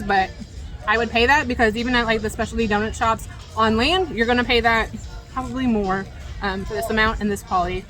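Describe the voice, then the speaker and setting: A travel vlogger with a fairly high, slightly bright voice chats casually outdoors at a cruise line's island stop. She reviews the food while eating, speaking through mouthfuls and often laughing.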